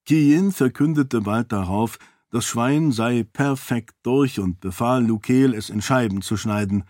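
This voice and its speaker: A man reading a fantasy novel as an audiobook narrator, measured and even. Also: mid-range voice, no room sound, clean studio sound. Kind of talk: scripted narration.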